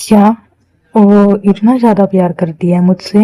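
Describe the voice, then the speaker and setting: A woman's voice: mid-range voice, fairly even intonation, normal speed, dark tone, close to an everyday voice, rough recording. A woman voicing an earnest young man in a fan-made dubbed drama. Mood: surprised. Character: young man, long-lost lover, surprised.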